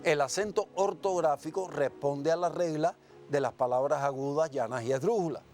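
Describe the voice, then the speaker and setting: A man from Cuba teaching a televised classroom lesson, explaining slowly and asking and answering his own questions. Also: a little high, darkish tone, soft background music.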